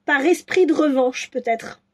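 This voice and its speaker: A woman doing a casual tarot reading for viewers, musing and hesitant, with many restarts and soft asides. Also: high voice, measured pace. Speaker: tarot reader.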